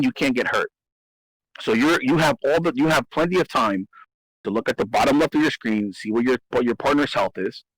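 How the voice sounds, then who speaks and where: A man walks through game tactics in a relaxed podcast chat, stumbling over and repeating words as he presses his points. His voice sits at a middle pitch. The sound is close and dry with no room around it. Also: dry recording, poor audio. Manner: explanatory, repeats himself, emphatic. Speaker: host. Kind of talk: casual gaming strategy discussion.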